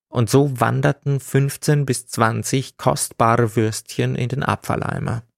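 A man reading a story aloud as narrator, in a slow and deliberate manner. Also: mid-range voice, vocal fry, a little mellow, no room sound, clean studio sound. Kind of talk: audiobook reading.

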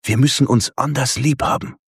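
A man voicing a teasing young woman, speaking in a soft whisper. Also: medium pitch, fairly even intonation, moderate pace, slightly rough, no echo, clean studio sound, pitched above the performer's own voice.

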